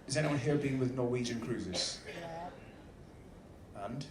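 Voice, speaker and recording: A man's voice: mid-range voice, a little slow, crowd noise. A man speaking as an upbeat cruise director, giving a joking welcome speech to a live audience over a microphone. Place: large indoor ship venue with audience. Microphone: stage microphone. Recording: roomy echo, faint background noise.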